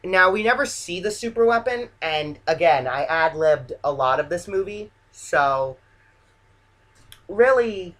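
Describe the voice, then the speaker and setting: Male amateur filmmaker, higher-pitched bright voice, casual self-deprecating commentary, feeling his way through sentences. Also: animated, measured pace. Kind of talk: casual, unscripted director's commentary.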